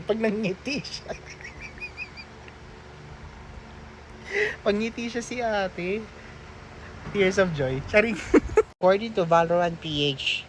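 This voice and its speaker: A man's voice: high voice, a little hiss or hum. A man hosting a reaction video, casually reading out posts and chats with teasing, mock-scolding remarks and frequent laughter.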